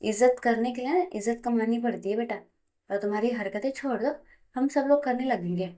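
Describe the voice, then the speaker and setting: A stern middle-aged mother who scolds and nags in a rude, raised tone, as a woman storyteller puts her on. Her voice is mellow but pushed higher and louder. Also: fairly quick, close to an everyday voice.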